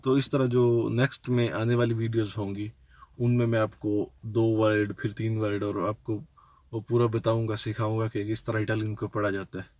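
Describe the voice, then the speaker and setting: A man's voice: fairly low pitch, flat delivery, normal speed, darkish tone, dry recording. A man hosting his own casual language tutorial, patiently spelling out letters one by one and leaning on fillers. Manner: leans on fillers and restarts. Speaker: language teacher, channel host. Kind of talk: casual home-made tutorial.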